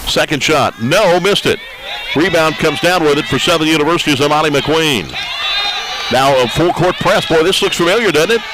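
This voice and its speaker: Man, basketball play-by-play announcer, slightly high-pitched, middle-aged, folksy conversational delivery. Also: moderate pace, low-quality recording. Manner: folksy, conversational, frequent "uh" fillers. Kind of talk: live basketball commentary.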